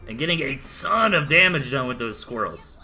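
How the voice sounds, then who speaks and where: An expressive man with a mid-range, sharp-toned voice and a Southern US accent casts a live strategy game at normal speed. The esports caster's play-by-play is chatty and sprinkled with casual asides, over faint music.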